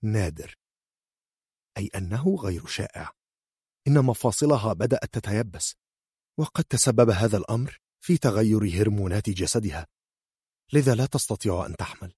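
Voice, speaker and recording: A man's voice: fairly low pitch, animated, a little fast, long pauses, warm tone, breathy edge, dry recording, clean studio sound. A man voicing a cool, shrewd young healer girl. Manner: cool, matter-of-fact and bargaining.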